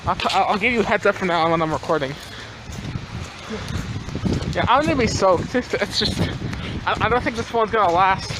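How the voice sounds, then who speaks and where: A young man chatting casually for an outdoor vlog, excitable and exclamatory, with plenty of swearing. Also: high-pitched, brisk, pauses often. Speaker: vlogger. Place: outdoors in a rainstorm. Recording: noisy outdoor rain and traffic ambience.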